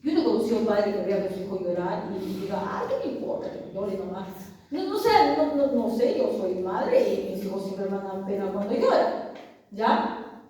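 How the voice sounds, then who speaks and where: A woman's voice: mid-range voice, lively intonation, moderate pace, mellow. A woman preaching a sermon, asking her congregation questions and calling them brothers. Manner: asks the congregation rhetorical questions; addresses listeners as brothers. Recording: very echoey room, voice far from mic.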